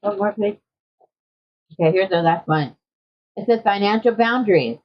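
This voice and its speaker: A woman's voice: mid-range voice, normal speed. Casual woman tarot reader. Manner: conversational, often checking in with "okay?". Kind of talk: casual tarot reading for viewers. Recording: dull lo-fi audio.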